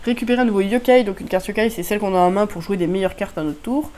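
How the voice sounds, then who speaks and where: A woman's voice: mid-range voice, fast talker, a little mellow. A woman casually talking through board game rules and her opinion of them, with many hesitations and filler sounds. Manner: hesitant, many "euh" fillers, loose unscripted explaining. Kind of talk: casual spoken review.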